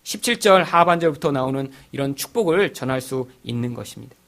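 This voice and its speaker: A pastor preaching a sermon, animated and addressing the congregation often, with quiet asides between bursts of emphasis. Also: male voice, a little fast. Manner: animated preaching, voices the Bible's figures with sudden pitch jumps.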